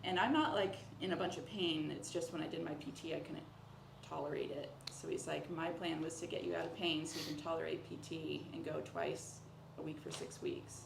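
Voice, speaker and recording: A woman with a low voice, fairly even intonation and a brisk pace talks informally as a patient, casually recounting her symptoms. She peppers her account with "like" and quotes what others said, in a roomy, echoing recording with clear background noise.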